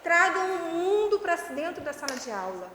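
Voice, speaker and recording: A woman educational psychologist from Brazil chatting and giving teachers lively tips with everyday examples. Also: very high voice, normal speed. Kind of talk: casual explanatory chat. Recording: echoey room with faint noise.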